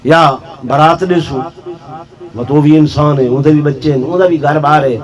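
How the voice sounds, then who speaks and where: A man preaches at a village gathering in a fairly high voice. He keeps addressing his listeners directly and answers his own rhetorical questions. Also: fairly even intonation. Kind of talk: Saraiki-Urdu sermon to a village gathering.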